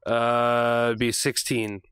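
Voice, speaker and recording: A man's voice: medium pitch, takes it slowly, clear, resonant tone, no echo, clean studio sound. A man playing a tabletop role-playing game, joking and laughing often as he talks. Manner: animated, laughs often, jokey. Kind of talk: casual tabletop role-play.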